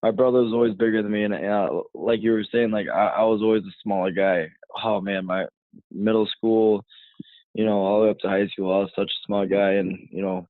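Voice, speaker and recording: A fighter in his twenties from the United States appears as a podcast guest, rambling casually and dropping "you know" between thoughts. His very low voice stays steady and brisk with barely any rise or fall, coming through a thin, phone-like line that sounds dry, with no echo.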